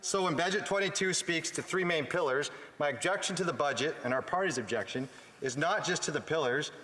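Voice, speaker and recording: A man's voice: fairly high pitch, fairly quick, sharp tone. A man with a Canadian English accent giving an earnest parliamentary speech as a member of parliament, stressing points in short phrases. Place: large indoor legislative chamber. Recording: echoey chamber with long reverb.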